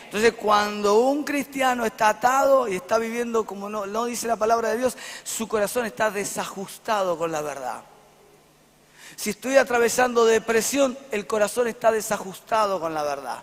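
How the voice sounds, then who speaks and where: A man's voice: high voice, normal speed. A man pastor with an Argentine Rioplatense accent, preaching emphatically to a congregation in a church and checking in with them often. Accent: Argentine Rioplatense Spanish. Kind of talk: sermon. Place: church hall before a congregation. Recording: echoey church hall.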